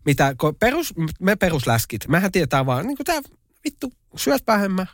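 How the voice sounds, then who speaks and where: A man's voice: high-pitched, very animated, dry recording, studio quality. A man co-hosting a podcast in casual chat, joking, swearing and mimicking others. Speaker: podcast co-host.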